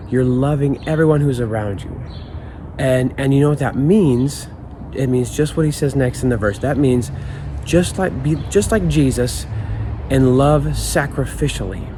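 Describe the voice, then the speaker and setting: A man's voice: mid-range voice, dark tone, a little hiss or hum. A man speaking as an upbeat, informal youth pastor, giving a casual devotional talk.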